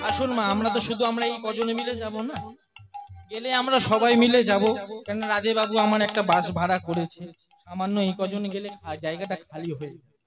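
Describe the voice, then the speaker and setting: A man's voice: high voice, fairly even intonation, brisk. A man leading a devotional kirtan, singing chants and preaching between them, coaxing the crowd to chant along. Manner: leads call-and-response chanting, coaxes the crowd. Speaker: kirtan singer. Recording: live with loud music. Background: tabla and harmonium music.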